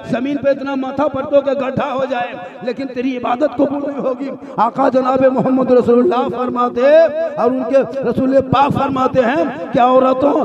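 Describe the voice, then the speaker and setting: A male preacher delivering an impassioned sermon, his voice rising to shouted calls. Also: very high voice, dull audio. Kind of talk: fiery religious sermon to a crowd. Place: outdoor gathering with a sound system. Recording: live crowd event over loudspeakers.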